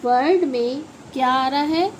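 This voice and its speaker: A high-pitched Indian woman teaches children English sounds at an unhurried pace. She spells each word slowly, letter by letter, then asks the class to say it back. A faint hiss sits under her voice. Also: low-quality recording. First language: Hindi. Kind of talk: phonics lesson for children.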